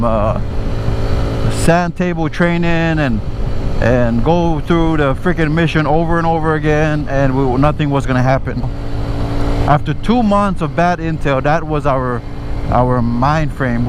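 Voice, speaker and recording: Out on his motorcycle in traffic, a man who is an army veteran and motovlogger spins a casual story for the camera, swearing freely and regularly checking in with whoever's listening. His voice leans high, backed by engine and traffic noise.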